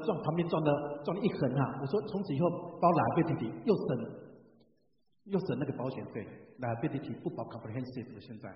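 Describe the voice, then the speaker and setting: A middle-aged man preaching a sermon in a chatty, joking way, often asking the audience questions. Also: on the high side. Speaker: pastor. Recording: roomy hall, distant mic, dull sound.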